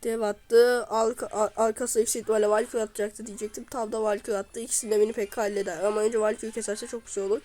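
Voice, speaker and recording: Excitable woman commenting her gameplay. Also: a little high, very fast, few pauses, low-quality recording. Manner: excitable, cheers and scolds on-screen units. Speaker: gamer.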